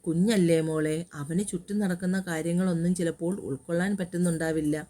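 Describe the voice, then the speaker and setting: A woman voicing a caring, protective older uncle who talks with gentle fatherly reassurance in an audio story. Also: fairly low pitch, fairly even intonation, fast talker, natural voice.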